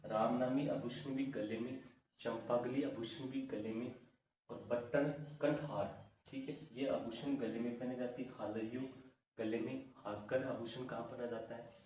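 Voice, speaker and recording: A man's voice: mid-range voice, steady tone, a little slow, a little mellow. A man teaching an exam-prep lesson, reeling off lists of terms and asking and answering his own questions. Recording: echoey room, mic at a distance, faint noise.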